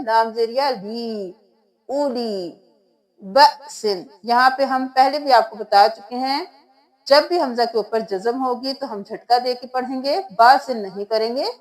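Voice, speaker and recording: A woman's voice: a little high, rough recording. A woman teaching Quran recitation step by step, spelling out letters and sounds one by one. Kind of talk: step-by-step tajweed lesson.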